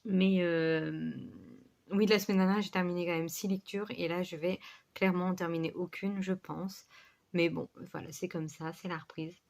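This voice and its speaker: A woman's voice: on the low side, steady tone, moderate pace, a little mellow. A woman chatting casually to her book vlog in a rambling, scatterbrained way, with a slight lisp on her words. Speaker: book vlogger.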